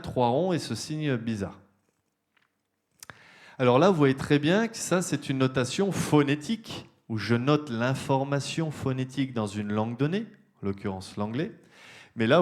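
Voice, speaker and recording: A man, an archaeologist, giving a public lecture, explaining step by step with frequent fillers and questions to the audience. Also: medium pitch. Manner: explanatory, many fillers like euh and hein, addresses audience directly. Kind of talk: university lecture. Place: lecture hall.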